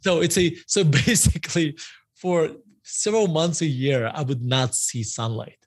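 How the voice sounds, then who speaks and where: A man's voice: fairly high pitch, a little slow, no echo. Middle-aged Russian-born man, podcast guest, rambling and self-correcting, dry recording. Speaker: guest author. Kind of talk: podcast interview.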